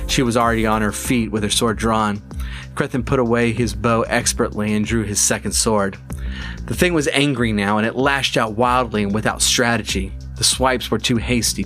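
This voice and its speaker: Measured male audiobook narrator. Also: lowish voice, fairly bright tone. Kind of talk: scripted fantasy narration.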